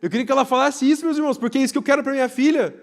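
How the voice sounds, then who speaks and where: Young Brazilian pastor with a high-pitched voice, preaching live, lively swings from loud to hushed. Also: male voice, rapid-fire, creaky. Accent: Brazilian Portuguese. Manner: animated, swings between loud emphasis and hushed asides. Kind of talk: live sermon. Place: church, live service.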